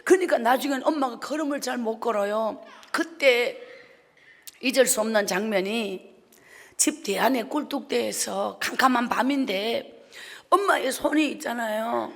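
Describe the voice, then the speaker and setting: A woman's voice: on the high side, moderate pace, a bit bright, big-room sound. A woman evangelist, telling a personal testimony in a sermon with rising emotion, in a church sanctuary. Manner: emotional storytelling, swelling to cries. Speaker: evangelist preacher.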